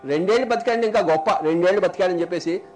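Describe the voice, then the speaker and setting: A man with a Telugu accent giving a spiritual talk, asking rhetorical questions and repeating lines for emphasis, sometimes chanting verses slowly. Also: high voice, darkish tone. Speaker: spiritual teacher. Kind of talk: spiritual discourse.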